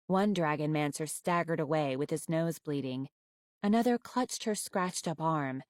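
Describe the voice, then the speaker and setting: A woman reading a children's novel aloud with expressive, wry storytelling. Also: deep voice, no room sound, clean studio sound.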